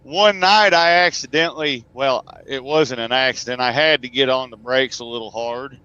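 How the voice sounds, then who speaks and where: A man's voice: mid-range voice, moderate pace, sharp tone, clear, resonant tone, no echo, lo-fi sound. A man, a truck driver, telling stories as a guest in a casual, folksy, joking way. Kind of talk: casual conversation, storytelling.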